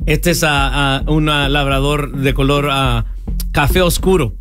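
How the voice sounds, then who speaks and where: A man's voice: a little high, measured pace. A man hosting a casual radio chat in a studio, switching between Spanish and English mid-sentence. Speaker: radio show host. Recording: music playing behind the voice.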